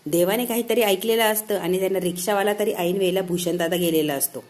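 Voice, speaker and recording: A woman's voice: mid-range voice, fast. A woman narrating a recap of a TV serial episode, retelling each scene and quoting the characters. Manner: storytelling, animated quoting of characters.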